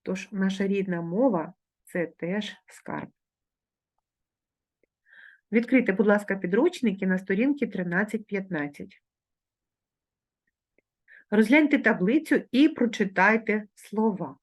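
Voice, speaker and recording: A woman with a Ukrainian accent, a primary school teacher giving a recorded online lesson, dictating words slowly and clearly. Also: medium pitch, animated. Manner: slow, carefully articulated dictation of words.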